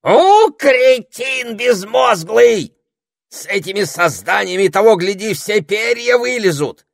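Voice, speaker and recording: A man voicing an irritable old male parrot who yells and squawks in exasperation, in an audiobook. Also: huge pitch swings, extremely slow, no room sound, studio quality, exaggerated voice. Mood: exasperated. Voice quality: shrill, gravelly. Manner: yelling, exasperated.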